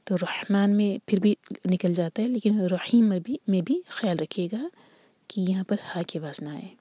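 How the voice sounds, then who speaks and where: A woman teaching tajweed, reciting words slowly and drawn out, then explaining the rules in a soft, often whispery voice. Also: mid-range voice, breathy edge, dry recording. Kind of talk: tajweed lesson, slow demonstrations then explanation.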